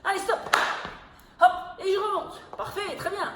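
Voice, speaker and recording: A woman fitness instructor leading a workout, counting reps and calling out cues with energetic encouragement, a little breathy from exertion. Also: extremely high pitch, normal speed. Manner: energetic, encouraging drill calls. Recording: echoey room, noticeable background noise.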